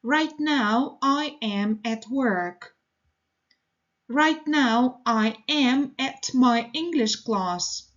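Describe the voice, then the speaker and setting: A woman teaching English, reading model sentences for learners in a slow, deliberate, evenly paced way. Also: on the high side, muffled recording.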